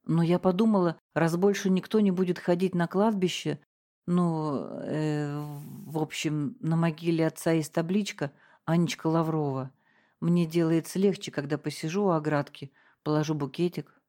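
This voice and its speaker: A woman's voice: sits low, fairly even intonation, normal speed, dark tone, natural voice. Meek tearful wife, read by a woman. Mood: subdued. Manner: meek, pleading, broken. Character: guilt-ridden tearful middle-aged wife. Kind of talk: audiobook character reading.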